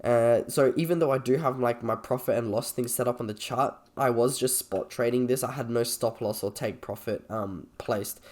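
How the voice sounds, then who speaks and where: A man with a croaky, slightly sick voice, talking informally and a little hesitantly as he reviews trades on a screen recording. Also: medium pitch, moderate pace, hardly any pauses, darkish tone. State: sick with a cold or cough. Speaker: trader presenting a video.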